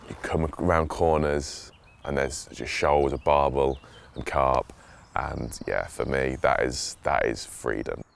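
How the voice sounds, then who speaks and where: A man's voice: very deep voice, fairly even intonation, slow, vocal fry, few pauses. A young man who grew up in Switzerland, talking casually and enthusiastically as an angler, rambling with restarts. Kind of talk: casual outdoor chat and voice-over.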